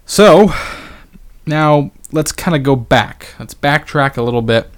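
A man's voice: fairly high pitch, animated, slow. A man hosting a solo podcast in a casual, conversational way, with plenty of fillers and wry, sarcastic asides. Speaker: podcast host.

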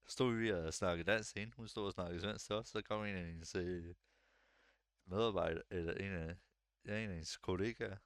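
A young man chatting casually on a podcast, relaxed and hesitant, with lots of fillers and restarts. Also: sits low, no echo, studio quality. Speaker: podcast co-host. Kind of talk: casual chat.

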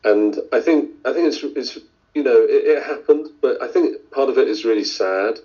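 A man's voice: medium pitch, normal speed, warm tone. A middle-aged man from India, a surgeon answering interview questions in a thoughtful way, with many fillers and restarts. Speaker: surgeon guest. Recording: dull lo-fi audio.

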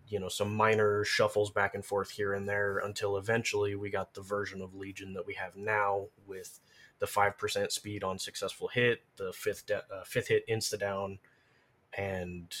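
As a podcast guest versed in game lore and gameplay, a man lays out detailed explanations in a relaxed, knowledgeable way. He speaks at a normal speed in a lowish, level voice with a bright, forceful tone.

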